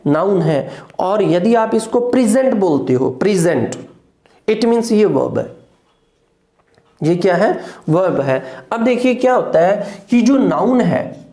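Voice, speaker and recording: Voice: medium pitch, dark tone. An English teacher giving an exam-prep lecture, repeating each point and answering their own rhetorical questions. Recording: echoey room.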